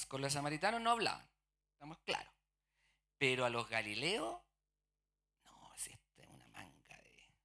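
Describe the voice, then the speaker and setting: With a forceful, bright voice pitched in the middle range, a preacher gives a church sermon, continually posing questions to the congregation before answering them himself.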